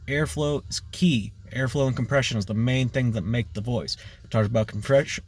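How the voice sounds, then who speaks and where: Man, vocal coach, casual video lesson, middle pitch, rambling, lots of fillers. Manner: informal, rambling, with frequent fillers and "right?" checks.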